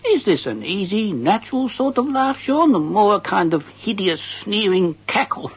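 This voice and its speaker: An earnest man with a husky voice reads and answers listeners' letters on a comic radio advice show, his pitch swinging widely as he speculates darkly with mock seriousness. He is very animated and uses a full character voice, yet stays conversational and deliberate. The recording is slightly dull, as radio tends to be.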